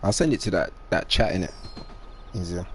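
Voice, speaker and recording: Low-voiced young man, slangy. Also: lively intonation, a little fast, a bit bright, slight background noise. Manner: slangy, swears freely. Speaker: player in a game stream. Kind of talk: casual chat.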